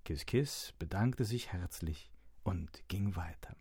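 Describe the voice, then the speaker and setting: A man reading a children's story aloud in a slow, soft, expressive way. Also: deep voice, breathy edge.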